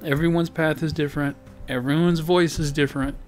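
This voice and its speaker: Speaking briskly in a slightly high, steady voice, a man narrates his painting video in a loose, filler-heavy way, restarting sentences and making self-deprecating jokes. He is a digital painter and video host, and guitar music plays behind him.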